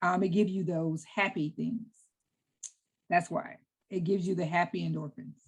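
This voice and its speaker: A woman's voice: fairly low pitch, fairly even intonation, moderate pace, husky. A middle-aged woman from the United States chatting as an interview guest, enthusiastic and talkative, repeating words when she gets going. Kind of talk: casual interview chat.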